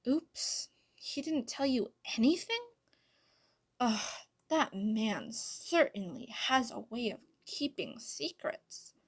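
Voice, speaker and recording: A woman's voice: a little high, animated, slow pace, breathy edge, voice pushed up, heavily acted. A woman voicing a long-lost mother who talks in a breezy, offhand way, in a fan reading of a story.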